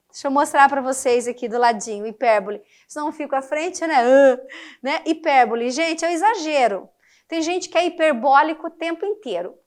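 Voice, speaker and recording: Brazilian woman, middle-aged teacher, high voice, emphatic and engaging. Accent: Brazilian Portuguese. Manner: lively, emphatic, checks in with listeners often. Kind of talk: classroom lecture on figures of speech.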